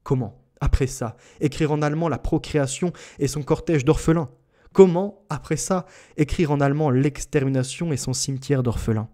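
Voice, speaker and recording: A man narrates a literary first-person text in a slow, solemn, deliberate manner. His voice is dark and mellow, with a relaxed warmth under the gravity of the words. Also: medium pitch. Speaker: audiobook reader.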